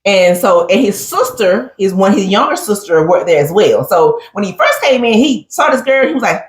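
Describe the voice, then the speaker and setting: A woman's voice: medium pitch, moderate pace, echoey room. A woman chatting casually on a talk show, telling stories with lots of animation, acting out quotes and calling her listener "honey". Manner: animated storyteller who acts out quotes and keeps saying "honey". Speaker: co-host. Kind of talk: casual chat recapping a reality show.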